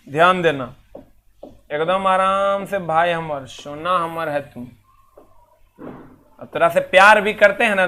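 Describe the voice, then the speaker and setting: A man teaching an online exam-prep class in a high, bright voice. He talks straight to his students, scolding them one moment and coaxing them the next. He counts numbers out in a sing-song drill.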